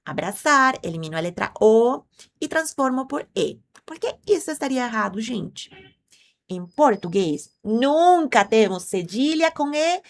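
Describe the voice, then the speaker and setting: In an online Portuguese lesson, a woman whose native language is Spanish explains things clearly and patiently, drilling conjugations and putting questions straight to viewers. Her voice is fairly high, with big pitch swings and a measured pace.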